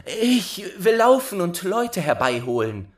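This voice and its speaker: A man's voice: sits high, very animated, slow, pitched above the performer's own voice, full character voice. A man doing an eager young girl. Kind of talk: storybook reading.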